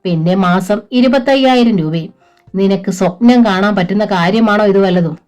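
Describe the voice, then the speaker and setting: A woman voicing a smooth-talking male recruiter who coaxes a girl over the phone. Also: medium pitch, moderate pace, darkish tone, soft background music, lightly acted. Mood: coaxing. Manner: coaxing, persuasive.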